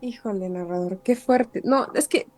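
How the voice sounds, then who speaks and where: High, dry-voiced woman host. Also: moderate pace, dry recording. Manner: emphatic short reactions. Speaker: podcast host. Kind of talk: casual podcast chat.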